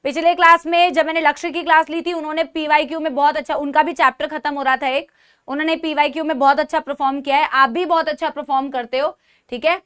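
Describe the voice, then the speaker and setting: Speaking fast in a high, slightly bright voice with fairly even intonation, a woman leads a live online biology lesson while nursing a sore throat. She blends English phrases into her Hindi, calls her pupils "beta," and tags "theek hai?" onto almost every point.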